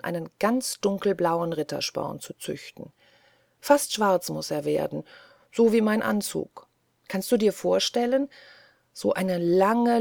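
A woman reading the lines of an old, fussy British colonel in an audiobook, earnest and softly pleading. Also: medium pitch, gravelly, no echo, clean studio sound. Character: elderly male British colonel, gentle, fussy.

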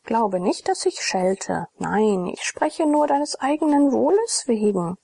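A woman voicing a gentle young Athenian man who acts as a fatherly mentor, in a whispered role-play with a calm, low whisper. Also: slow pace, gravelly, husky, exaggerated voice. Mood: admonishing.

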